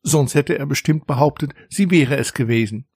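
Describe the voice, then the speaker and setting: A man's voice: medium pitch, moderate pace, breathy edge, no echo, clean studio sound. A man voicing a cheeky, playful young girl in a children's audiobook, speaking in a teasing way. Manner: teasing, lively.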